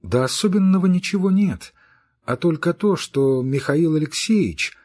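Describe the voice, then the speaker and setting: A man voicing a gentle, calm young woman in an audiobook reading, speaking in a soothing, patient way. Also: a little high, normal speed, pitched above the performer's own voice.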